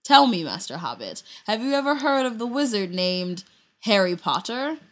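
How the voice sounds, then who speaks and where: A woman's voice: medium pitch, sing-song, moderate pace, fairly bright tone. A woman voicing a huge bearded half-giant traveler in an amateur audio reading, blunt at times and bashful at others, heard a little away from the mic. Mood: warm.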